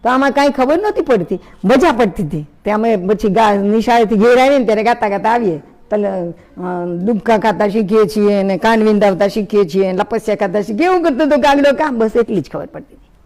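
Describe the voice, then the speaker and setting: A woman giving a storytelling talk to an audience, lively and speaking straight to her listeners. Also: mid-range voice, fairly quick. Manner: lively, acts out story voices, addresses listeners directly.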